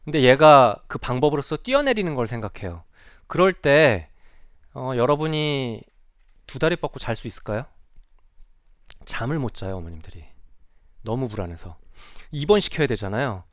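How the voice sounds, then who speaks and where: A middle-aged man lecturing from a stage, his pitch rising and falling with lively expression. He speaks earnestly and conversationally, turning to the listeners with rhetorical questions. The sound is close and dry, with little room echo. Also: moderate pace, pauses often. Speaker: psychiatrist giving a talk. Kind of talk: public lecture.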